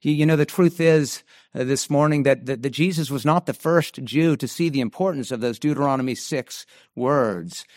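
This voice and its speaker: A man's voice: mid-range voice, moderate pace, a little mellow, dry recording, studio quality. A man preaching a sermon as pastor, earnest and emphatic, often restarting and repeating his phrases.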